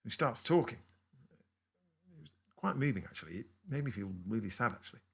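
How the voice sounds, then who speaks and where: A man's voice: mid-range voice, expressive, a little fast, vocal fry, husky. An actor playing a man with a London accent who tells his partner a story in a rambling, distracted way in a naturalistic stage drama. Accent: London English. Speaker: actor in a two-hander play.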